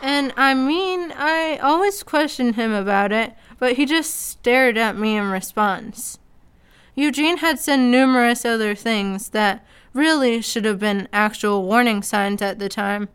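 A woman's voice: fairly high pitch, a little slow, a bit bright, clear, resonant tone. A woman narrating a comedic story in a casual, sarcastic way. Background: faint background music.

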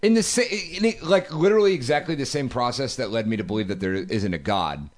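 A man's voice: mid-range voice, animated, brisk. A man chatting casually and comically on a podcast, telling profane anecdotes. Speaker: podcast panelist.

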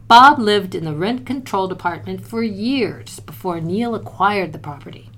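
A woman's voice: medium pitch, fairly bright tone. A woman reading a story aloud with wry, playful timing. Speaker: story narrator. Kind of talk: scripted narration.

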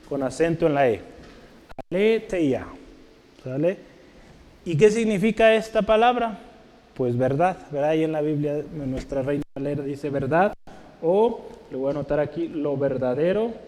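A man's voice: on the high side, lively intonation, moderate pace, mellow. A man preaching a Bible lesson, addressing his listeners politely and often checking that they follow while he writes words on a board. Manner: addresses listeners formally, writing terms on a board as he teaches; asks frequent checking questions. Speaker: preacher teaching a Bible class. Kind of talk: sermon.

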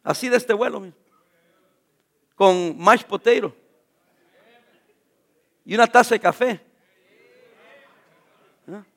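A man's voice: high-pitched, takes it slowly, long pauses. A middle-aged man preaching a sermon as a pastor, jovial and joking with the congregation.

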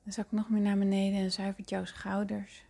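A woman guiding a meditation slowly in a soft, hushed, breathy voice that nears a whisper. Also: medium pitch, completely flat delivery. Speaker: podcast host guiding a meditation. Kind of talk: guided meditation.

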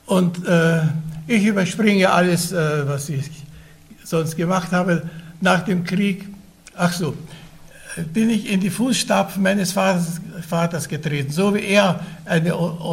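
A man in his nineties, raised in Vienna, Austria and a Russian speaker since childhood, recounts his life story for an oral history in a high voice. He speaks haltingly, with frequent pauses, fillers, restarts and throat clearing.

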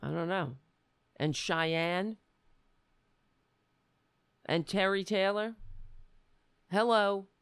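An American woman with a raspy voice hosting a casual livestream, talking in a blunt, emphatic way and repeating phrases. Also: mid-range voice, very slow, pauses often, no echo, clean studio sound. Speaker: livestream show host. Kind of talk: casual livestream monologue with political commentary.

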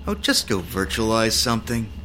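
Man as a grumpy old-hand tech guy, sarcastic, mocking, bright lively voice. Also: on the low side, moderate pace, slight background noise.

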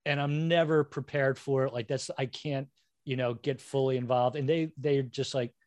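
A man's voice: medium pitch, fairly even intonation, normal speed, darkish tone, no room sound, studio quality. A man rambling in casual movie chat, full of fillers and self-deprecating asides.

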